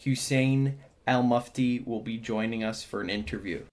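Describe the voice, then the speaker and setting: Friendly male host, mid-pitched voice, casual and enthusiastic. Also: fairly even intonation, normal speed, heavy background noise. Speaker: podcast host. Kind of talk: casual podcast hosting.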